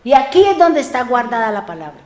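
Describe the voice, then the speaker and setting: A woman's voice: a little high, sing-song, quick pace, darkish tone, echoey room. A woman preaching a sermon, telling a personal story and acting out the dialogue with repeated phrases. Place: church.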